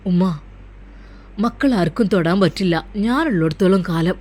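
A woman's voice: fairly low pitch, lively intonation, normal speed, darkish tone, voice pushed down. Woman voicing a firm protective young man. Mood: firm, reassuring. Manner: firm, commanding, reassuring.

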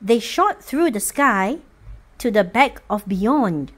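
Slow, sing-song woman reading a picture book. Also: fairly high pitch. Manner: expressive, sing-song, rhyming cadence. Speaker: storyteller for children.

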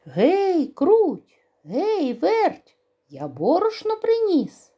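A woman's voice: very animated, slow pace, dull audio, exaggerated voice. A woman voicing a hardworking little rooster in a children's storybook tale. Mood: calling. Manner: high calling shouts.

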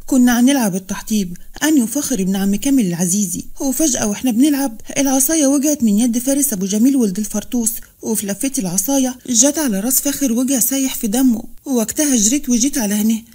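A man's voice: extremely high pitch, fast, mellow. A woman voicing a panicked, pleading young man with an Upper Egyptian accent. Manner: breathless, pleading.

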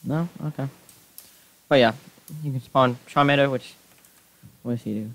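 A young man giving casual gameplay commentary, excitable, yelping when things go wrong. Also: mid-range voice, normal speed. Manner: excitable, yelps and shouts when startled. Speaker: Minecraft YouTuber.

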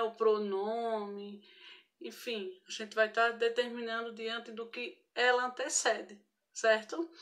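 Brazilian lady teacher doing an online class for kids, kinda high voice, really slow, patient, keeps checking in. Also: a bit bright. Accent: Brazilian Portuguese. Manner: patient, frequent tag questions, spells out each example. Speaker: primary school teacher. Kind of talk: online grammar lesson for children.

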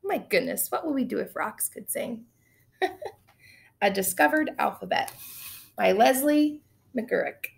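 A woman in her thirties teaches an online class through a webcam on a video call in a small room, counting beats and reading a picture book aloud with upbeat energy. Her fairly high, gravelly voice has lively intonation, and she speaks slowly with frequent pauses.

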